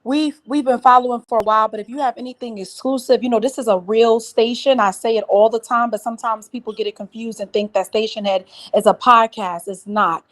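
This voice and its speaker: Female radio host, slightly high voice, blunt and encouraging in casual talk. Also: steady tone, a little fast, hardly any pauses.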